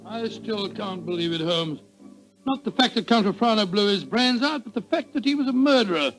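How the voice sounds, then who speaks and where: High-pitched, bumbling English gentleman doctor. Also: animated, a little fast, poor audio. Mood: puzzled. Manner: fussy, hesitant, repeats his words. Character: genial, bumbling, easily astonished older gentleman doctor. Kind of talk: 1940s radio drama acting. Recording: old radio broadcast, music underneath.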